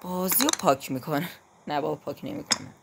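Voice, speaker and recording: A woman giving let's-play commentary, anxious and exclaiming in quick repeated words, then talking herself back to calm. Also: low-pitched, gravelly. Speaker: gamer playing a climbing game. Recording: loud clicking noise behind voice.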